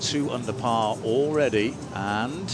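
A man's voice: medium pitch, slow pace, background noise. A man working as a golf commentator, calling putts in live sports commentary.

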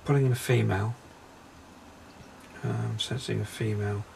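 Male psychic medium, low and gravelly, hesitant and halting delivery, faint noise in the background. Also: steady tone. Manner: hesitant, halting descriptions with many pauses. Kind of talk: paranormal investigation commentary. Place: inside a railway carriage.

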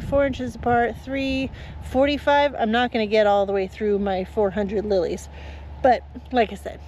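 Chatty woman flower farmer, slightly high. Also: a little mellow, slight background noise. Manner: chatty, explains step by step. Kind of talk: casual gardening tutorial. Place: outdoors in a garden field.

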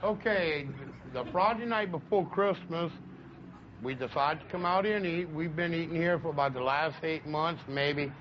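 A man's voice: a little high, moderate pace. A man from Louisiana with a Southern accent, telling a story step by step in an interview outdoors beside a road. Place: outdoors by a roadside. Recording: dull lo-fi sound with faint traffic.

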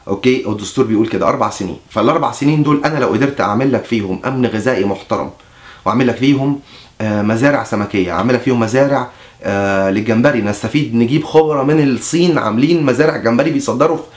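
Egyptian man, brisk mock-candidate patter, keeps restarting his sentences. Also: medium pitch. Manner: fast, chatty, self-interrupting. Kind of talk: satirical campaign monologue.

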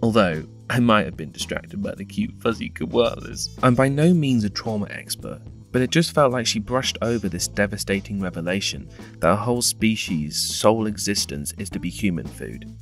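Young male reviewer, wry, punning; low-ish voice over a faint music bed. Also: animated, normal speed. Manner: sardonic, punning. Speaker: film reviewer. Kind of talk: scripted video-essay narration.

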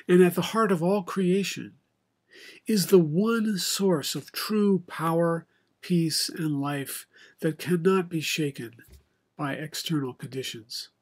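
An older man, preaching a sermon from a home study with bookshelves into a webcam, in a measured, reflective way with many pauses. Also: sits high. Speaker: pastor. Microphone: video call webcam, head and shoulders.

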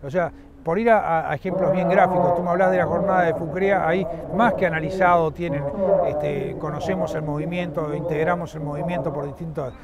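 The speaker is a middle-aged man with a Uruguayan Spanish accent, president of a rural association, interviewed outside at a livestock fairground. His fairly high voice keeps an even intonation, but he halts with frequent fillers and restarts, captured in lo-fi sound against a loud crowd.

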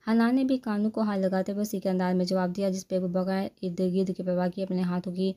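Mellow, even-toned woman reading a novel. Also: medium pitch. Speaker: narrator.

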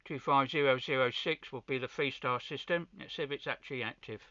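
An amateur radio hobbyist gives a casual, unscripted demo of his equipment in a bright, pushed, mid-range voice at a brisk pace. He hesitates and repeats himself often, and the sound is dull and lo-fi.

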